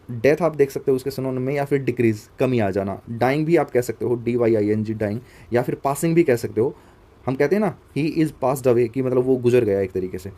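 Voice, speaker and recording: A man's voice: mid-range voice, mellow. A young man teaching a vocabulary lesson for exam students, conversational and spelling words out letter by letter. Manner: conversational, asks viewers to comment.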